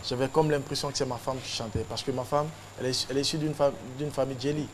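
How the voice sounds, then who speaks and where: A man, a guest on a TV show, speaking casually and haltingly, repeating his words. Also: medium pitch, fairly even intonation, a little hiss or hum. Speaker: guest artist. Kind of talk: casual TV interview talk.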